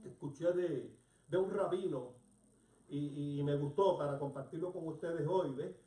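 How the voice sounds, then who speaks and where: Animated preacher in a roomy church. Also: mid-range voice, measured pace. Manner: animated, storytelling, asks the congregation questions. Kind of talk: sermon. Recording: roomy hall, distant mic.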